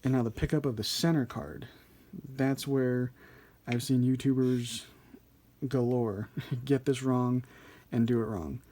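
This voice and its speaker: A man with a mellow, relaxed voice of medium pitch walks through a hands-on demonstration. He speaks informally as an instructor, hesitating now and then as he thinks aloud. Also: measured pace. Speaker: card trick instructor. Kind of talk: casual hands-on tutorial.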